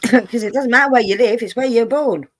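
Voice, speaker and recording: An English woman, born in London and raised in Buckinghamshire, hosts a live stream and reads out viewer messages in a rambling, chatty manner, with lots of fillers and frequent laughter. Her voice is on the high side and fairly quick.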